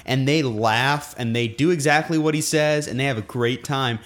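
A man's voice: mid-range voice, normal speed, a bit bright. Male co-host, mid-range voice, casual and wry, teases his partner. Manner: wry, teasing, explanatory. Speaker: podcast co-host. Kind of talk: casual podcast chat.

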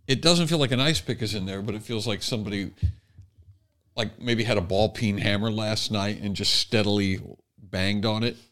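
Hosting his podcast, a middle-aged American stand-up comic keeps the humorous chat casual, telling jokey stories at his own expense. He has a lowish, slightly bright voice at normal speed.

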